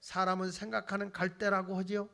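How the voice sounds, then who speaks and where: A middle-aged man preaching a Sunday sermon as pastor, animated, acting out people's excuses and swinging from loud emphasis to near-whisper. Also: sits high, fairly quick, creaky.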